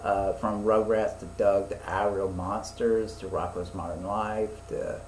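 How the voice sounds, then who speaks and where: A man's voice: fairly low pitch, little pitch movement, a little slow. A man in his twenties chatting casually as a podcast co-host, rambling and a bit profane, with many fillers. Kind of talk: casual chat. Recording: echoey room with faint noise.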